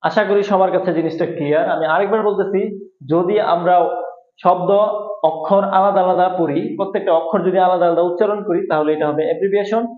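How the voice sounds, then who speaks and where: High-voiced man teaching, tinny. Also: fairly even intonation. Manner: slow, repetitive explaining, spelling out letters. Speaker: English teacher. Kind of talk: whiteboard lesson. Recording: echoey room, tinny phone-like sound.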